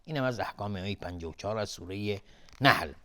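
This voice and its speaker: A man teaching Quran recitation rules on a television lesson, patiently explaining each rule and breaking words into syllables, then chanting the verses slowly in a higher, louder, melodic voice. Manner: alternates plain explanation with slow, raised, melodic chanting of verses.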